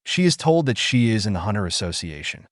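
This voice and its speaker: A man narrating a scripted story recap in a dramatic, expressive way. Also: on the low side, brisk, dry recording, clean studio sound.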